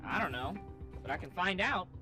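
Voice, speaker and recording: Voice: mid-range voice, animated, fairly quick. An actor voicing a helpful robot assistant in a scripted video sketch, reporting findings in a matter-of-fact, dutiful way with a robot voice effect. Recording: music bed behind.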